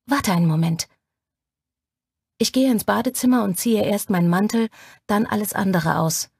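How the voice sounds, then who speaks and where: A woman narrates a first-person audiobook in a husky, breathy voice. Her delivery is measured and intimate, recorded close and dry with no room sound. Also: medium pitch, no room sound.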